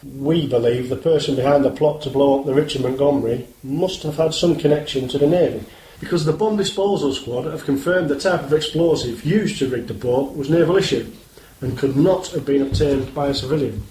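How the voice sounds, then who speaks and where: A British actor in an amateur radio play voices an earnest, guarded police inspector, speaking formally and politely in scripted dialogue with a formal, probing mood. His natural, medium-pitched voice is fairly quick, and the roomy, hissy recording carries crowd noise.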